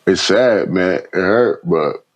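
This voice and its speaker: A man's voice: sits low, lively intonation, slow pace. A man hosting a podcast, reacting in a laid-back, slangy way and calling people "bro" and "man". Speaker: podcast host. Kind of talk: casual reaction chat.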